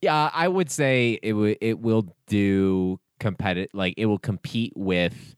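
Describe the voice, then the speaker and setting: A man's voice: lowish voice, a little slow, smooth, dry recording, studio quality. A man, a teacher, chatting casually as a podcast co-host, rambling with fillers and restarts as he thinks aloud. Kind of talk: casual chat.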